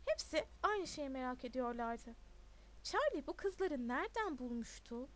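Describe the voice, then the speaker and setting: A woman narrating a novel aloud in an even, expressive storybook reading. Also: high-pitched, measured pace. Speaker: audiobook narrator.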